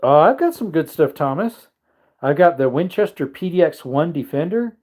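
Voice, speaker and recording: With big pitch swings and a slightly mellow voice at normal speed, a man in his thirties hosts a laid-back livestream from his man cave at home, rambling and reading viewer comments aloud. Calling his dog, he switches to high baby-talk.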